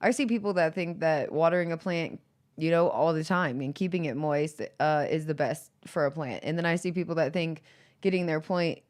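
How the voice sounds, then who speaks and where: A woman with a slightly low voice hosts a relaxed podcast chat. She rambles through her ideas and leans on "like" as a filler. She laughs easily while she talks. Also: normal speed. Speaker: podcast host. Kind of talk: casual podcast conversation.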